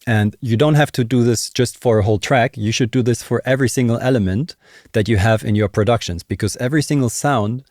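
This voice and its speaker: This is a brisk, medium-pitched male voice with a touch of mellowness, captured cleanly with no echo. A man in his thirties chats through a music production lesson, reasoning out loud, on a close desk mic in his small home studio.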